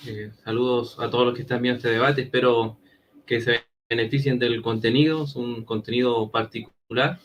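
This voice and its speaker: An earnest Chilean man lays out his case in a web debate, speaking deliberately and pausing on fillers. A faint hiss of room noise sits under his mid-range voice. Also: mid-range voice, level tone, highs cut off. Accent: Chilean Spanish. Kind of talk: debate presentation.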